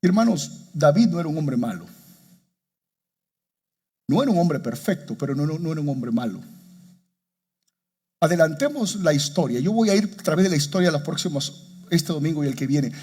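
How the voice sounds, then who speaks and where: Male pastor, husky tone, fairly high voice, impassioned sermon delivery with repeated exhortations. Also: expressive, a little mellow. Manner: impassioned preaching, rises high and slows for emotional quotes; addresses congregation directly with repeated exhortations.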